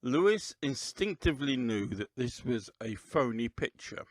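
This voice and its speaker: A man hosting a solo history podcast, talking in a measured, deliberate way with occasional pauses. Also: medium pitch, sing-song, no room sound. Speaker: podcast host.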